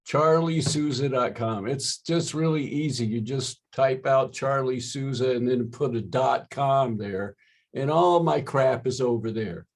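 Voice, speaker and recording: A man's voice: mid-range voice, measured pace. A man guest on a podcast call with an ordinary mid voice. He is modest and laid back and keeps saying thanks. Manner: modest, thanks often, laughs easily. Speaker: guest musician. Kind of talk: casual video-call chat.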